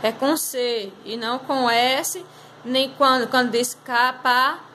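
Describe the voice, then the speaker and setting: A woman's voice: a little high, steady tone, takes it slowly, fairly bright tone, a little hiss or hum, low-quality recording. A woman teacher going over a class exercise, patiently explaining step by step and drawing out words. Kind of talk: recorded class lesson correcting exercises.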